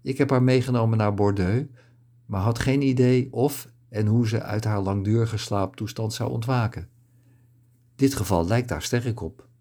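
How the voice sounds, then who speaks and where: A man voicing a thoughtful, chatty older physician in a read-aloud story, speaking in a measured, musing way. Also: fairly low pitch, warm tone.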